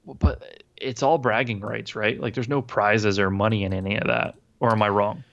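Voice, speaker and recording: A man's voice: on the low side, steady tone, normal speed, vocal fry, muffled recording. A man co-hosting a casual gaming podcast, rambling and swearing, with lots of fillers and restarts. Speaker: podcast co-host.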